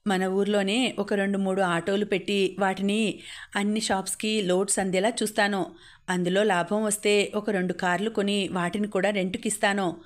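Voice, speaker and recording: A woman voicing a stubborn, resentful young adult son in a storybook reading, talking quickly and insistently. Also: mid-range voice, little pitch movement, lightly acted. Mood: eager.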